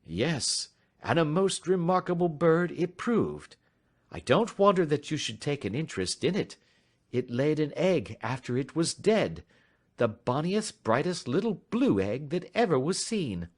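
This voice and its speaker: Sherlock Holmes, as a man reads him, crisp and lively. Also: a little high, voice pushed up. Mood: confident. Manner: crisp, measured, gently ironic. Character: sharp, self-assured gentleman detective, adult male. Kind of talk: audiobook reading.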